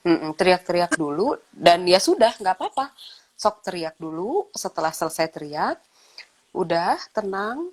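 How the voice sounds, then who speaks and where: Low-voiced mother explaining calmly. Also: moderate pace. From Indonesia. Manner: acts out quoted dialogue with her children. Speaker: guest speaker. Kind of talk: casual chat.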